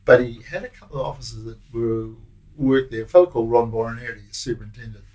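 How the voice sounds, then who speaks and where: An older Australian former prison officer recalling stories in a loose, rambling way with plenty of restarts. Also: male voice, mid-range voice, steady tone, quick pace, a little mellow, poor audio. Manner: rambling, broken anecdotes with many restarts. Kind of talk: casual recollection.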